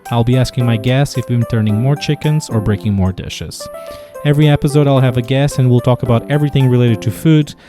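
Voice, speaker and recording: A man's voice: medium pitch, quick pace, over music. A man from Portugal with a Portuguese accent, hosting a podcast interview with an upbeat, scripted welcome. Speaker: podcast host.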